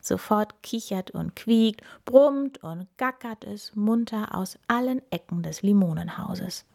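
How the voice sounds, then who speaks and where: A woman reading a children's story aloud in an expressive, deliberate way. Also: mid-range voice, creaky.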